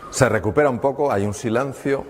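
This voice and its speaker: A middle-aged man, a doctor telling an anecdote to an audience and acting out the dialogue with pauses. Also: mid-range voice. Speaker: doctor giving a talk. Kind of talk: storytelling talk to an audience. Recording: hall reverb with faint room noise.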